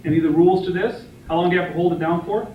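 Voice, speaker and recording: A man giving a joking, relaxed class presentation on car games, with many fillers and laughs. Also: sits high, rapid-fire. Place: room with a small group. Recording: echoey room from far off, noisy.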